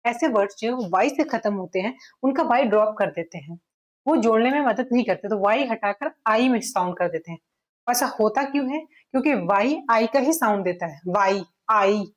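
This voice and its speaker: Higher-pitched woman teaching grammar patiently. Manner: patient, repeats word forms aloud for drilling. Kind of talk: classroom-style explanation.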